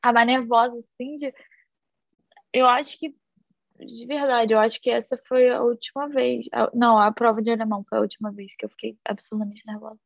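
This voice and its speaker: Woman podcast co-host, gravelly fry in the voice, fairly high, frank casual talk. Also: level tone, brisk, dry recording, lo-fi sound. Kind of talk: casual chat.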